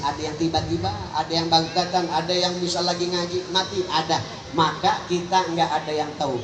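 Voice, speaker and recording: High-voiced, joking man preaching. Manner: animated, joking, soaring to high emphatic cries. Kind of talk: comic sermon. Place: outdoor religious gathering. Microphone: phone recording from the crowd. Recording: echoey, distant phone recording, noisy.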